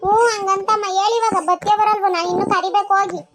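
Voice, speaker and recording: A woman voicing a busy village farm woman in a cartoon, speaking briskly. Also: very high-pitched, level tone, background noise. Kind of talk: cartoon voice acting.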